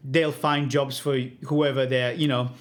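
A man's voice: mid-range voice, unhurried. A man, a guest telling stories in casual chat, swearing freely and acting out both sides of conversations. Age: 30s. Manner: animated storyteller, swears freely, acts out both sides of calls.

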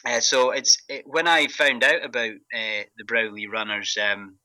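A man with a thick, broad Scottish accent giving casual, halting interview answers, often repeating words as he goes. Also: mid-range voice, steady tone, bright, forceful tone, dry recording. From Glasgow, Scotland. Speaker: interview guest, parkrun event organiser.

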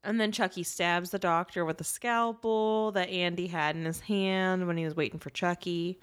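A woman co-hosting a podcast, casually recapping a horror film scene by scene in an animated way, often laughing. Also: on the low side, moderate pace, smooth. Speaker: podcast co-host. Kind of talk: casual movie recap chat.

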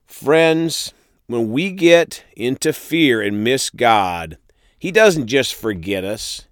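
A man's voice: mid-range voice, sing-song, takes it slowly, no echo, clean studio sound. A man preaching a sermon, reading scripture verses aloud and then speaking to his listeners as friends and folks.

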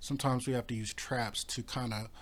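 A man who runs a pest control business explains things in casual talk, hoarse and coughing, with halting speech and many fillers and restarts. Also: medium pitch, steady tone, a bit bright.

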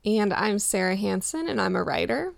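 Brief: woman co-host with a gravelly edge, upbeat, explains facts in casual chat. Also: medium pitch, expressive, moderate pace. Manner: enthusiastic, informative. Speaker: podcast co-host, writer.

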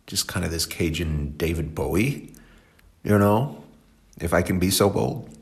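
A man's voice: deep voice, measured pace, creaky. A man in his forties hosting a music show, rambling and talkative, a bit stuffed up and tired. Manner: rambling, talkative, self-deprecating. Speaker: radio show host. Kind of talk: casual chatty show talk.

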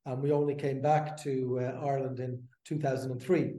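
A man in his fifties from the Netherlands, a brewery co-founder, talking as a podcast guest in a halting, filler-filled way. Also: medium pitch, level tone, warm tone, roomy sound. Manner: halting, many fillers and restarts. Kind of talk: casual interview.

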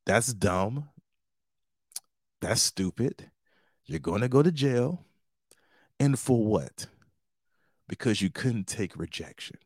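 A man's voice: mid-range voice, lively intonation, takes it slowly, vocal fry, pauses often, darkish tone, husky, no room sound, clean studio sound. A man in his forties hosting a podcast alone, talking casually and with slang, like he is handing out advice. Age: 40s. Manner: slangy, big-brother advice-giving tone. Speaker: podcast host and stand-up comedian. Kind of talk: casual solo podcast monologue.

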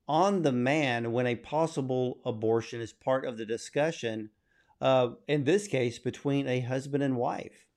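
A man conducts an interview at an even, measured pace, building up long questions. He praises the work openly before he puts the question to his guest. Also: mid-range voice.

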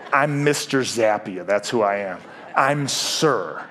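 A man's voice: on the low side, expressive, slow, sharp tone, a faint crowd, slight background noise. A middle-aged man preaching a sermon as pastor, joking often and stumbling over repeated words. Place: church.

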